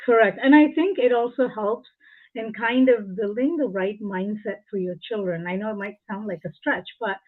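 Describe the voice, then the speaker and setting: A woman's voice: mid-range voice, normal speed. A woman in her forties, from India, speaking as an interview guest in an earnest, reflective way, drawing on personal examples. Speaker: guest, engineering leader. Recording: tinny phone-like call audio.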